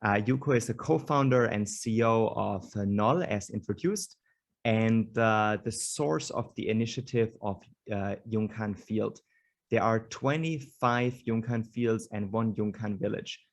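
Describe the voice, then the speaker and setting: Guy hosting a video call panel, lowish voice, lots of ums and uhs. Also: unhurried, creaky. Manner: hesitant, many fillers. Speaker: host. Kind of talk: online panel introductions.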